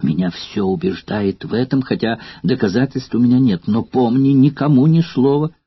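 A man's voice: medium pitch, normal speed, slightly rough, no echo, natural voice. A man voicing an old, debauched actor who speaks in a guarded, hesitant way, in an audiobook reading. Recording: slightly dull lo-fi recording.

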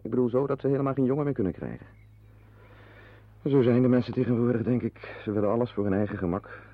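A man with a mid-range voice talks fast and lightly acted, with no room sound, as a wry, brooding, henpecked husband in a Dutch radio play. This animal-loving ex-artist confides musing, rueful thoughts to the listener, in a muffled, band-limited vintage recording.

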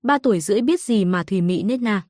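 A woman's voice: mid-range voice, expressive, fast talker, a little mellow, no room sound, studio quality, close to an everyday voice. A woman voicing a stern, protective rich father in an audio story, curt and cold.

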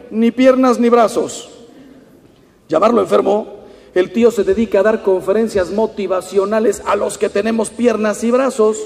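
A Mexican priest in his fifties giving an animated talk, telling anecdotes and acting out the people in them. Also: high voice, gravelly. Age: 50s. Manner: storytelling, animated, mimics people in quotes. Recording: long hall reverb.

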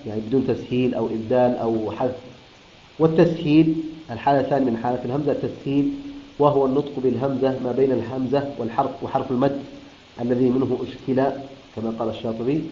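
A man teaching Quran recitation rules, explaining step by step, repeating terms and answering his own questions. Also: mid-range voice. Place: room of a Quran school. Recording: roomy, dull lo-fi room recording.

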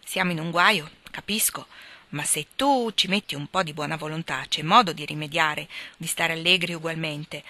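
A woman's voice: low voice, moderate pace, bright, forceful tone, dry recording. Woman reading as a flustered, mild young husband. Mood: flustered coaxing. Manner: coaxing, then exasperated.

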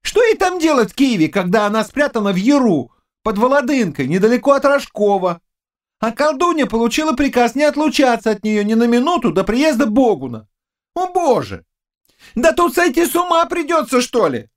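A man reading an audiobook voices a frantic young male servant in a shrill, panicky, rushed voice. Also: big pitch swings. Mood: bewildered. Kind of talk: audiobook character voice.

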